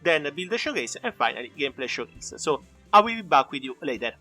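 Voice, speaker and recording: Bright-voiced man presenting a game showcase. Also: fairly high pitch, big pitch swings, fast talker, soft background music. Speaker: gaming video host. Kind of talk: casual game showcase commentary.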